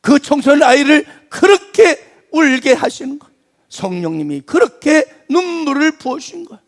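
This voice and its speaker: High-voiced man preaching a dramatic sermon. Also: very animated, moderate pace. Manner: dramatic swings from emphatic to hushed, almost whispered. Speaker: pastor.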